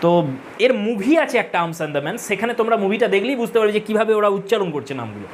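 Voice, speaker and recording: A woman's voice: mid-range voice, very animated, rapid-fire, slight background noise. Woman teacher explaining a play. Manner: explanatory, addresses viewers as friends; mixes English terms into explanations. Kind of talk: recorded literature lesson.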